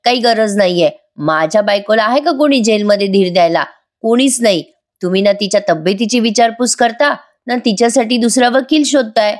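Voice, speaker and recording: A woman's voice: on the high side, a little fast, close to an everyday voice. A woman voicing a defiant grown son who talks back sarcastically to his parents. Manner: sarcastic, retorting.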